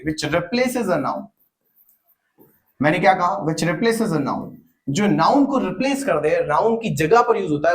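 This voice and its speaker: A male grammar teacher lecturing at a digital board with a high, bright-pitched voice. He drills each phrase again and again and keeps asking his students questions. The sound bounces around an echoey room. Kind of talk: classroom lecture.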